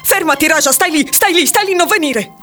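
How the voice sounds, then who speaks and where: A woman voicing a gentle middle-aged father who speaks softly and with steady calm. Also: extremely high pitch, normal speed, faint music behind, voice pushed up. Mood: urgent shouting. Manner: soft, steady, unnaturally calm.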